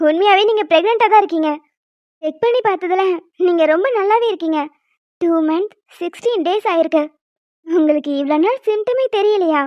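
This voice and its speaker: A composed female doctor from a cartoon, measured and reassuring in a high, clear voice. The sound is dry and somewhat dull. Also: dry recording.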